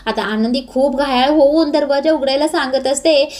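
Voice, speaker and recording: A woman's voice: sits high, moderate pace, darkish tone. A woman narrating a dramatic recap of a TV serial episode, addressing viewers directly.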